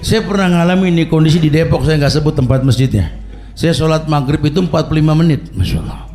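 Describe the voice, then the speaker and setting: A man's voice: on the high side, fast, a little mellow. A middle-aged man preaching a humorous sermon, telling stories and chanting Arabic recitations.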